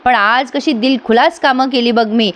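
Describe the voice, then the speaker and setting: A woman's voice: on the high side, normal speed, natural voice. A woman doing Kajal, a cheerful young woman. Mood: friendly.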